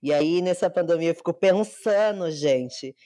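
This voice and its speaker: Participante brasileira, voz média e seca, fala descontraída dirigida aos ouvintes. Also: female voice, on the low side, measured pace, mellow, no room sound, clean studio sound. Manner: chatty, talks to the listeners directly. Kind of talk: casual chat in an online audio room.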